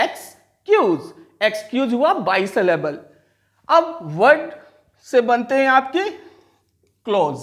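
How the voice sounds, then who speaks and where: Man, grammar teacher, animated rising and falling pitch, asks and answers his own questions, stretches key words. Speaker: English teacher. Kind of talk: classroom grammar lesson.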